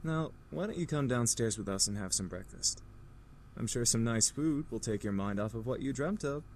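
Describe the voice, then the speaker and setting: A woman voicing a courteous, caring young man in a lowered, gentle voice. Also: expressive, moderate pace, a little hiss or hum. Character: polite caring young man, calm and proper.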